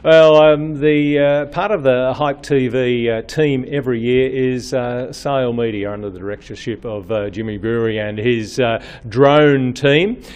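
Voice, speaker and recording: A man hosting a race news update, speaking in a relaxed way with many filler sounds. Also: mid-range voice, measured pace, hardly any pauses, smooth, lo-fi sound.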